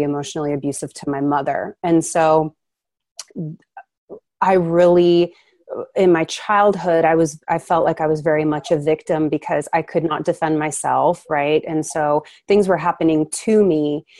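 A woman originally from Ukraine speaks as a podcast guest, earnest and reflective, pausing often. Her voice sits low for a woman. The sound is dry and close, with no room echo. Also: a little mellow. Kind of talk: conversational interview.

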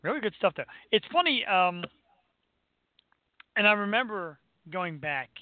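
A man's voice: high-pitched, sing-song, unhurried, no room sound, narrow, tinny audio. An American man chatting casually as a talk show host, in a rambling, playfully boastful way. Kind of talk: casual chat.

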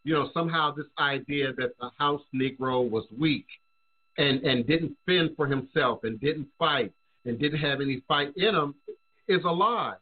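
American male show host, slightly high voice, halting, repetitive phrasing, casual discussion, dull lo-fi audio. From United States. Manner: halting, repeats words as he reasons.

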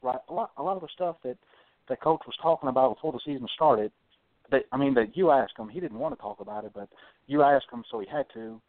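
Male call-in caller heard over the phone, a mid-pitched man from South Carolina who meanders and hedges. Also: animated, fast, no room sound. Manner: meandering, hedging, clears throat often. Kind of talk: casual call-in chat. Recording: tinny phone line, dry.

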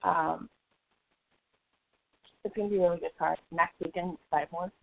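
A woman's voice: lowish voice, steady tone, normal speed, gravelly. A woman co-hosting a casual fight-sports talk show, laughing often and talking loosely with fillers and swearing. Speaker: podcast co-host. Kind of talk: casual chat. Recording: tinny phone-like audio.

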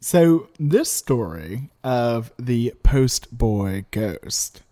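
A man's voice: medium pitch, sing-song, drawn-out words, warm tone, no room sound, studio quality. A man co-hosting a podcast, chatting playfully and telling a ghost story. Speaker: podcast co-host. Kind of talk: casual chat.

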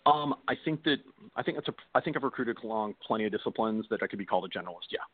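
Fast-talking man over a phone line. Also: fairly low pitch, animated, slightly rough, no echo. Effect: heard over a phone line. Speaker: recruiter guest. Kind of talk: casual call-in chat. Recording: tinny phone line, dry.

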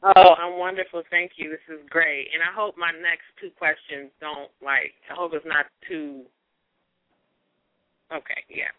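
A woman from Oakland, California, calling in to a radio show with halting questions and many pauses. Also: low voice, fairly even intonation, no echo. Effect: calling in over a phone line. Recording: tinny, dry phone line.

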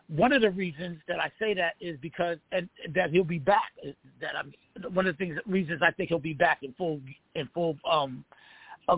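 Hoarse man with voice giving out, on sports talk. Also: high-pitched. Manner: informal, addresses co-host as man and bro. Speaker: sports show host. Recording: tinny, phone-like line with room echo.

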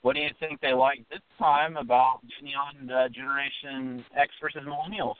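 A man's voice: medium pitch, fairly even intonation, a little fast, clear, resonant tone, dry recording. A man hosting a casual interview from a car over a speakerphone call, talking in an eager, rambling way. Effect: heard over a phone on speakerphone. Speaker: podcast host. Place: inside a car. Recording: tinny speakerphone call, dry.

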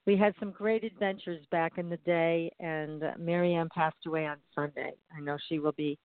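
A woman's voice: on the low side, dry recording. A woman hosting a radio show, making announcements in an informal, effusive, conversational way. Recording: dry, narrow phone-like sound.

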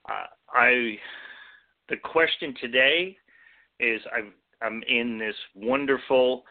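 A man calling in to a talk show on speakerphone, speaking casually with halting restarts. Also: lowish voice. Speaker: caller. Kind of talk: casual call-in chat. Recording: tinny speakerphone call.

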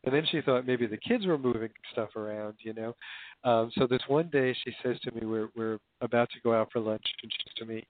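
A man's voice: mid-range voice, brisk. A man, a phone-in guest on an interview show, tells his story with hesitant restarts over a crackly phone line with static. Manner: hesitant, with many restarts and fillers. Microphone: telephone. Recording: tinny, dry phone line.

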